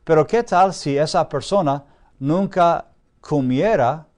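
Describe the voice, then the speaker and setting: Man lecturing slowly with "ah" fillers. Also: on the high side, darkish tone. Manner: checks in often with a questioning "¿sí?"; frequent drawn-out "ah" fillers while thinking. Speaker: Bible institute teacher. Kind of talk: classroom lecture.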